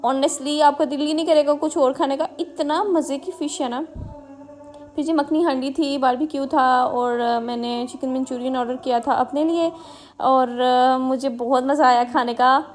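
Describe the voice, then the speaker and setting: A woman's voice: sits high, fairly even intonation, normal speed, a little mellow. A young woman, a mother, chatting through a casual vlog voice-over with lots of fillers and friendly asides to viewers. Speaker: family vlogger and mother.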